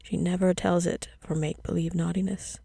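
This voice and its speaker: A woman's voice: lowish voice, flat delivery, a little fast, gravelly, mellow, slightly rough, no echo, clean studio sound. A woman playing a sly teasing village girl. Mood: superior.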